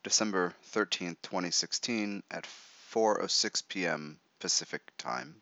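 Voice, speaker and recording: Male meditation guide, lowish voice, measured and instructive, short phrases with pauses, slightly dull dry recording. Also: sharp tone, no room sound.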